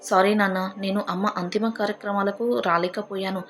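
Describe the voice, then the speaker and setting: A woman's voice: mid-range voice, steady tone, normal speed, a bit bright, faint music behind, close to an everyday voice. A woman voicing a selfish grown son in a storybook, talking in an offhand, self-excusing way. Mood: dismissive.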